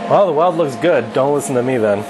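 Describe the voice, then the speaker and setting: Here the host's voice is mid-range, lively in intonation and fairly quick, set against a noisy background. The man, in his thirties, keeps things offhand and self-mocking as he chats his wife through welding lessons inside their home garage workshop.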